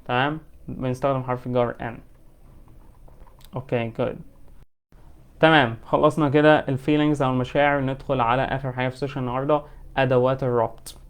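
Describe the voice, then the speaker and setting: An Egyptian man teaching an English lesson, his voice smooth and resonant at a middling pitch. He switches between quick colloquial Arabic explanation and slow, careful English examples. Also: steady tone.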